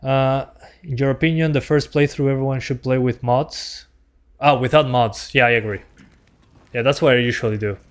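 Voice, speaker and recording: A man's voice: medium pitch, fairly even intonation, moderate pace, clear, resonant tone. A man doing casual gameplay commentary as a streamer, chatting with his viewers as he plays. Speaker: game streamer.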